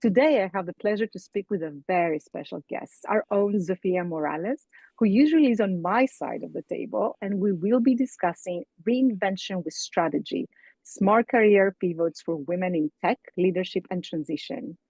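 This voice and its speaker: A woman's voice: mid-range voice, moderate pace, vocal fry, a little mellow, husky, dry recording, rough recording. A woman from Greece acting as guest host, reading a formal introduction and asking interview questions. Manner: formal, reads introduction from script. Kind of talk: podcast interview.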